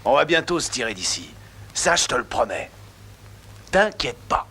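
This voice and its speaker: A man dubbing a calm, mysterious assassin in a film, speaking curtly and low-key, with film music behind. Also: normal speed, husky, full character voice.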